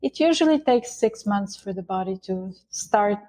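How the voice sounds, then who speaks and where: A woman from Bulgaria, a guest author, explaining ideas in an interview with lively, restarting phrasing. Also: mid-range voice, moderate pace. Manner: explanatory, animated, with frequent restarts. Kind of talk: interview conversation.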